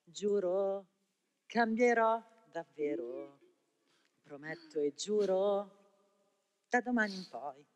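A student actor playing a timid young wooden puppet boy in a school stage musical, pleading quickly. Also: mid-range voice, expressive, long reverb tail.

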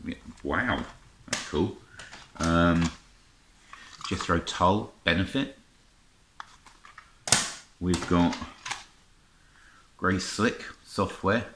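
Deep-voiced and slow, the middle-aged man leaves long pauses while chatting unscripted to camera about his music haul, with muttered asides and exclamations as he browses. The room around him is lined with record shelves. The recording carries a roomy echo, faint noise, and clicking handling sounds.

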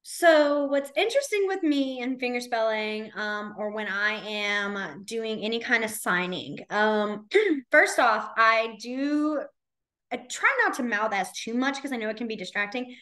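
A young woman giving an informal sign language lesson, signing while speaking in halting phrases on a video call. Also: a little high, bright, forceful tone. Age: young adult. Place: small room at home, video call. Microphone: computer video-call mic.

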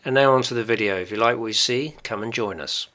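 An English paragliding instructor, a man with a medium-pitched voice, talks quickly while coaching a student over the radio. He calls out instructions and commentary from a hilltop and in flight, and the recording is very noisy.

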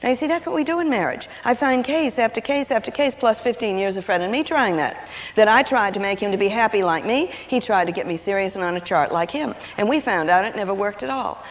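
Animated woman teaching in an echoing hall. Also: mid-range voice, fast talker. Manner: animated, acts out quotes in changing voices. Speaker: seminar speaker on personality and marriage. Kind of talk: lively teaching talk with stories. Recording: long hall reverb on an old videotape.

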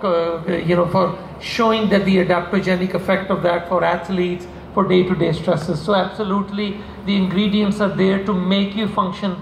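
A product formulator on a panel, this older man has a high, gravelly voice and rambles through a casual answer with restarts and asides. His handheld mic picks up the echo of the large convention hall stage along with faint background hum.

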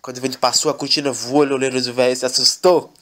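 A man's voice: medium pitch, fast talker, fairly bright tone. A man telling an absurd comic story in a mock-dramatic, repetitive storytelling manner.

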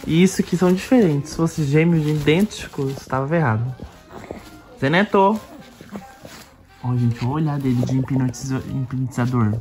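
Low-voiced woman cooing baby talk. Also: warm tone. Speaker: mother filming her baby twins. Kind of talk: casual home video chat. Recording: clear background music.

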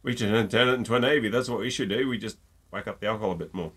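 Talking very fast in a fairly low, fairly bright voice with a breathy edge, a middle-aged gin reviewer with a cold-blocked nose chats to camera. His tasting talk is jokey and full of ums. He's at home near a desk mic, with bottle-filled shelves around him.

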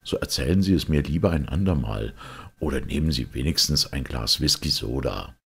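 A man's voice: very deep voice, animated, moderate pace, creaky, breathy edge, heavily acted. A man as a hesitant first-person storyteller. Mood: doubtful. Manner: hesitant, reasoning questions. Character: uncertain male listener, the story's first-person narrator.

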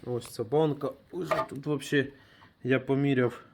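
A man's voice: medium pitch, steady tone, moderate pace, noisy background. A man giving casual commentary on his own hands-on repair. He thinks aloud as he works, trails off and restarts, and talks to viewers as friends. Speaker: DIY mechanic vlogger.

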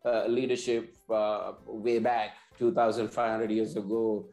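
A man's voice: fairly low pitch, little pitch movement, unhurried, a little mellow, roomy sound, soft background music. A man in his forties from Sri Lanka, an earnest business leader interviewed over a video call, often repeating words as he restarts. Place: indoor office, plain wall. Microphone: video call webcam.

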